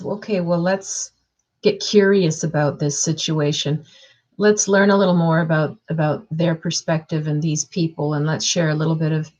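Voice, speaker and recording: A woman's voice: on the low side, darkish tone, rough recording. A woman astrologer talking through a chart reading in a casual, thinking-aloud way, with fillers and restarts.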